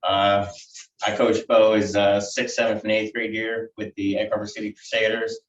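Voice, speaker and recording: A man, a youth football coach, giving a halting tribute at a council meeting with many fillers. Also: on the low side, completely flat delivery. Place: council chamber. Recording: dull, echoey room from far off.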